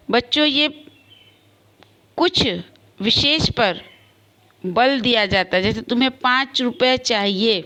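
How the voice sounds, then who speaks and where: Woman teacher, fairly high voice, slow and patient, acts out examples with stress. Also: bright, forceful tone, clear, resonant tone. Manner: slow, explains with spoken examples and varied emphasis. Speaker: school teacher. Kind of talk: online class lesson.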